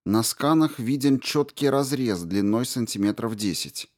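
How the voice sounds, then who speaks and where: A man voicing an urgent, commanding female mission doctor in an audiobook, higher than his own voice. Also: lively intonation, measured pace. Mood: urgent brisk. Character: brisk female mission doctor giving orders.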